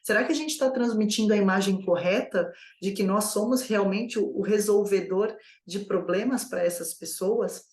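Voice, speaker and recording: A woman's voice: medium pitch, normal speed, hardly any pauses, darkish tone. Woman coaching, roomy sound. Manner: asks herself rhetorical questions, conversational. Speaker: business coach. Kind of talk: online course lesson.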